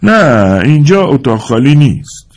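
A man's voice: medium pitch, big pitch swings, voice pushed up. A man voicing a wrinkled young yard worker who answers in a teasing, dismissive way, in an audiobook story. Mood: mocking.

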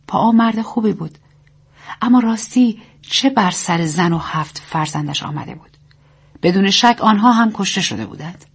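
Woman narrator, audiobook reading, husky voice, middle pitch, measured. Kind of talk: scripted story narration.

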